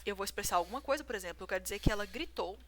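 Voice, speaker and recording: A woman's voice: mid-range voice, animated, rapid-fire, slight background noise. A woman explaining grammar rules to a viewer, working through examples and checking in with "right?". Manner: talks through examples, asks "certo?". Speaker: writing teacher.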